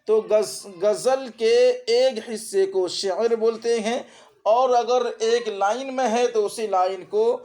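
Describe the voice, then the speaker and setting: In a grammar session meant for exam preparation, a man with an India-style Urdu accent repeats key terms and checks in with students through short questions. He is high-pitched, with a somewhat dark tone.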